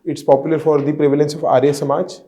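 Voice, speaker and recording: A young man with an Indian accent speaks in a very soft-edged, dark tone, pitched a little high. He answers as a candidate in a formal interview, nervous and respectful, choosing his words haltingly. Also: flat delivery. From Haryana, India. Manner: deferential, often saying sir.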